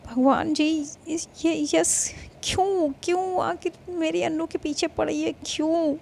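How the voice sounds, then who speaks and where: A woman's voice: very high voice, steady tone, slow pace, gravelly, darkish tone, a little hiss or hum, pitched above the performer's own voice, heavily acted. A woman voicing a protective, loyal young woman in a spoken romance story, talking in an insistent, indignant way. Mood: pleading.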